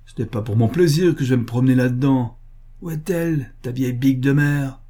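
A man reading a story aloud, voicing a tall, tipsy Cossack soldier who talks in a gruff, blunt way. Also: a little high, moderate pace, mellow, voice pushed up, lightly acted. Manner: gruff, curt, slightly drunken.

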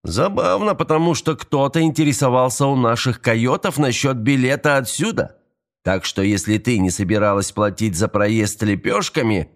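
A man voicing a cruel, mocking young male gang thug in an audiobook, with a high, sneering, taunting voice. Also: normal speed, close to an everyday voice. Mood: menacing.

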